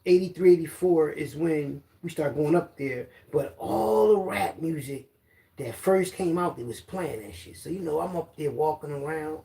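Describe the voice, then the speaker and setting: Middle-aged man, Philadelphia accent, gravelly and slightly high, casual rambling storyteller. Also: normal speed, mellow. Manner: loose street slang, rambling recollection. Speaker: storyteller guest.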